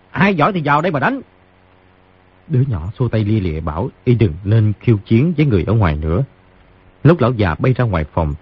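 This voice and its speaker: A man's voice: fairly low pitch, breathy edge. A man narrating a martial-arts novel as an audiobook, telling the action vividly. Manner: vivid storyteller delivery. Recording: dull lo-fi audiobook recording.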